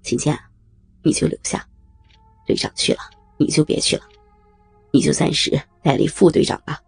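A woman putting on a gravelly middle-aged police chief. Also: low voice, normal speed, darkish tone, soft background music, pitched below the performer's own voice, full character voice. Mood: earnest. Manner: earnest, lecturing tone.

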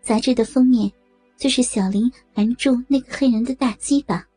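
A woman narrating an erotic audio story in a steady, even storytelling delivery. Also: a little high, moderate pace, slightly rough, dry recording, faint music behind.

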